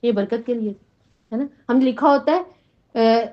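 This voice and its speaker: A middle-aged woman teaching a Quran lesson to a class, often asking questions and checking in with "right?". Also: on the high side. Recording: dull lo-fi recording.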